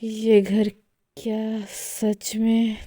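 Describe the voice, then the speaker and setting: A soft-spoken young bride, read by a woman storyteller, with a hushed, unhurried delivery. Her tone is dark and mellow, and the recording is close and dry with no room around it. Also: on the high side, monotone, dry recording. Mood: quiet, hesitant.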